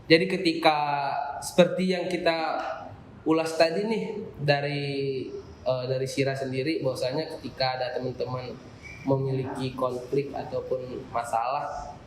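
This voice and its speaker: A man's voice: medium pitch, level tone, moderate pace, a little hiss or hum. Young man explaining in a roomy room. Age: young adult. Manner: explains at length with fillers. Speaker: student association chair, guest. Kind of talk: casual podcast chat. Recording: roomy room with faint ambience.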